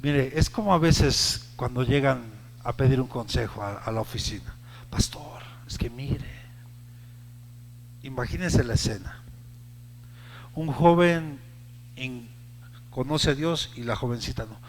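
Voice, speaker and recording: A man, a pastor with a Mexican Spanish accent, preaching a sermon to his congregation, rising to shouted peaks and acting out the voices he quotes. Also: mid-range voice, a little slow, big-room sound, slight background noise. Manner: addresses the congregation directly with call-and-response prompts.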